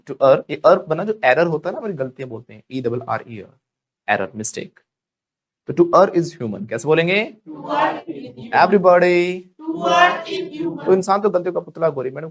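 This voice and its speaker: A man teaching spoken English to a live class. He drills students with call-and-response prompts and slows right down on the model English phrases. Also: mid-range voice.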